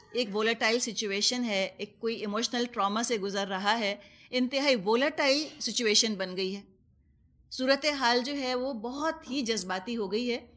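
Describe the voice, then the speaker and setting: A woman's voice: a little high, fairly bright tone. A woman with a Pakistani Urdu accent giving a Quran commentary lesson, explaining patiently with everyday examples and dropping English words into her talk. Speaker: Quran teacher.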